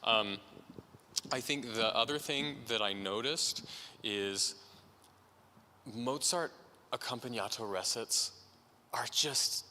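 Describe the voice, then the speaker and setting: A man's voice: mid-range voice, slow, long pauses, sharp tone, slight background noise. A man coaching a singer in an opera master class, encouraging and checking in often. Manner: breaks into sung and spoken musical phrases to demonstrate. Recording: long hall reverb, faint ambience.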